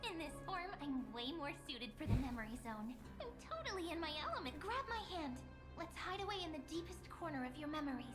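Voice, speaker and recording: A cute little game sprite with a very high, girlish voice. Her delivery swings widely and playfully, theatrical and affectionately teasing, with music behind it. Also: sing-song, fairly quick. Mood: confident, playful. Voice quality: youthful, girlish. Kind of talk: video game voice acting.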